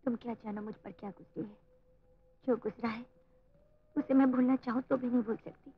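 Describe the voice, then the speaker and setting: An actress playing a poor, earnest young woman who speaks softly and pleadingly, on a tinny old film soundtrack. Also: fairly high pitch, steady tone, normal speed, slight background noise, natural voice. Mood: sad. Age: young adult. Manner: soft, pleading.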